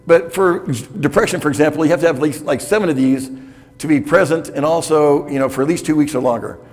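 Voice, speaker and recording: A man in his sixties delivers a candid, conversational keynote in a hotel conference room, repeatedly checking in with "okay?" while the hall reverberates. His somewhat high voice moves at a quick pace through a lapel mic.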